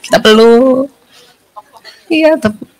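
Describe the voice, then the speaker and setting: A woman giving a lively religious talk to an audience of women, acting out quoted dialogue and laughing often. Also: high voice, takes it slowly, a little hiss or hum, rough recording. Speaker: religious lecturer.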